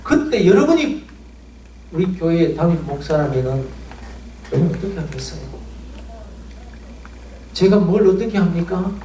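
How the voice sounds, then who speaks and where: A man's voice: on the high side, big pitch swings, moderate pace, pauses often, dark tone, slight background noise. A male pastor preaching a sermon, telling an emotional story full of pleading rhetorical questions. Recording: roomy church sound, mic at a distance, faint ambience.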